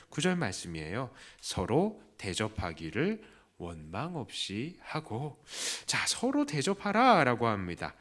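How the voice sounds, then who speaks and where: A man preaching a Sunday sermon as pastor, asking the congregation questions and acting out quoted voices. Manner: acts out quoted voices with raised pitch. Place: church.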